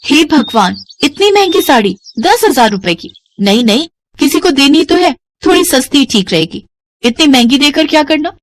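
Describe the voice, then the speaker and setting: A woman voicing a young, thrifty, polite daughter-in-law, in a higher voice than her own. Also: animated, normal speed, a bit bright. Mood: shocked. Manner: polite, eager. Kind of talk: animated family story voice acting.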